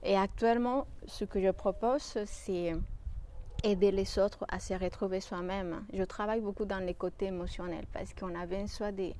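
A woman with a Mexican Spanish accent talks in French about her practice, her tone warm and mellow. She hesitates often, restarting phrases and filling pauses. A faint hum of ambient noise sits under her voice. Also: mid-range voice, fairly even intonation. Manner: hesitant, many fillers and restarts. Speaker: shiatsu practitioner. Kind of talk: interview answers.

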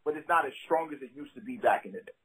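A man with a Brooklyn accent and a husky voice, a rapper talking casually in an interview in slangy, streetwise, emphatic phrases. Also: medium pitch, expressive, very fast, fairly bright tone, low-quality recording. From Brooklyn, New York City.

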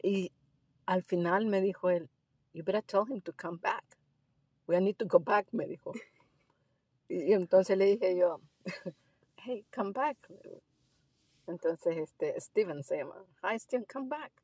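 A woman's voice: on the low side, unhurried, long pauses, breathy edge, no room sound. Chatty woman telling a driving story. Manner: animated storyteller, mixes English phrases into Spanish. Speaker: driving instructor. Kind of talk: casual storytelling interview.

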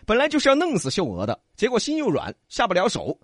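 A Sichuanese man tells a ghost story with a lot of joking and animation, and his high voice swoops all over the place. The sound is dry and close, with a husky grain. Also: huge pitch swings, quick pace, no room sound. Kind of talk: comic two-hander folk-tale storytelling.

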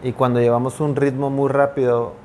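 A man's voice: medium pitch, little pitch movement, darkish tone, a little hiss or hum. A man talking earnestly in a reflective conversation, often restarting his sentences as he searches for words. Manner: earnest, halting with frequent restarts.

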